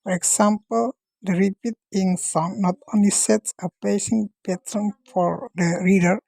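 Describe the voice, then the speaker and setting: A woman gives her part of a class presentation, reading her notes aloud in a steady explaining way. Her voice is mellow and soft-edged. The recording is dry and close. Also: mid-range voice, unhurried, creaky, no echo, low-quality recording. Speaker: student presenter.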